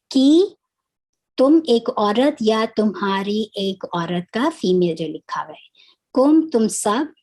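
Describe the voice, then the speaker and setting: A woman teaching a religious lesson on Quranic Arabic grammar, explaining patiently step by step and pausing to search for words. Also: mid-range voice, a little mellow. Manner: recites Arabic prayers before teaching.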